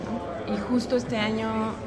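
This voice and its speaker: A woman's voice: a little high, little pitch movement, takes it slowly. A woman, a former fellow, answering interview questions fluently and appreciatively. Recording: loud crowd behind.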